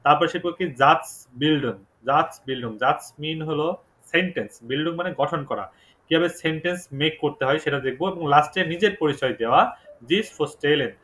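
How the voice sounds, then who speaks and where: Male teacher, fairly high and bright voice, patient and repetitive in class. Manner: explains slowly, repeats words for learners. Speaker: German language teacher. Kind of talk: online class lesson.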